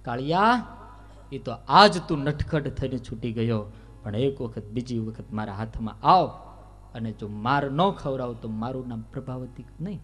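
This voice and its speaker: A man preaching a devotional story, voicing an angry village aunt who is a shrill complainer. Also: unhurried, a bit bright, husky, long reverb tail. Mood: threatening. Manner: shrill, scolding, indignant.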